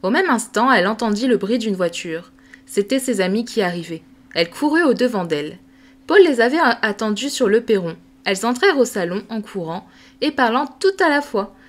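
Female audiobook narrator, measured and clear, fairly high voice. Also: lively intonation. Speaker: audiobook reader. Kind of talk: scripted narration.

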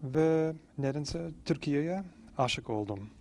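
A man's voice: on the high side, slow pace, darkish tone, slight background noise. A middle-aged man speaking careful learner's Turkish as a foreign student in a casual interview. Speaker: language student being interviewed. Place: indoor cultural center room. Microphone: handheld interviewer's microphone.

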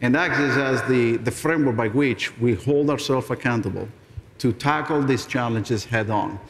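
A man's voice: medium pitch, normal speed. A man who speaks natively, hosting a keynote stage conversation with polished corporate enthusiasm. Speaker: executive host interviewing a guest on stage. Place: large indoor conference stage. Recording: echoey large hall, stage reverb.

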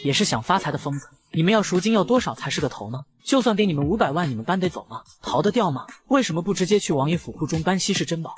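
A man's voice: fairly high pitch, lively intonation, rapid-fire, few pauses, natural voice. A man voicing a cunning, composed young girl in a comic recap, speaking in a sly manner.

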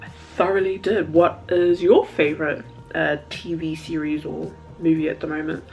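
A woman's voice: low voice, little pitch movement, moderate pace, vocal fry, a little mellow, faint music behind, rough recording. A woman vlogger chatting casually to camera while eating, talking loosely with many "like"s and frequent laughs. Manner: chatty, laughs often, lots of "like". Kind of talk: casual mukbang chat to camera.

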